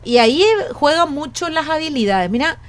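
A guest in a conversational interview, this education academic in her late forties speaks with a Paraguayan Spanish accent. Her voice sits high and is expressive, moving at a moderate pace. Earnest in tone, she thinks aloud, often repeating herself and restarting phrases.

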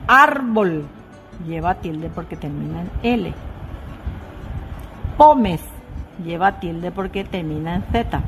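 A woman teaching a lesson, measured and repeating key points, dropping her voice on examples. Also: on the low side, animated, a bit bright, faint music behind. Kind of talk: slow classroom explanation.

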